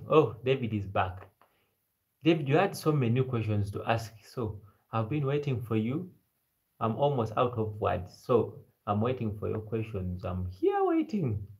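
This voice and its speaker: Low-pitched young man, Kenyan-sounding East African accent. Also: darkish tone. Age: 20s. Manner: halting, repeats phrases. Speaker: live stream host. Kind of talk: casual live chat with viewers. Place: small bedroom indoors. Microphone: phone at arm's length.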